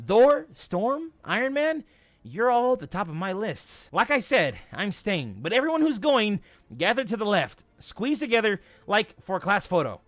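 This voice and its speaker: A man's voice: sits high, big pitch swings, moderate pace, a bit bright, no room sound. A man voicing a young, nervous superhero who rambles and wisecracks at his own expense in a comic reading. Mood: eager, flustered. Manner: rambling, self-deprecating.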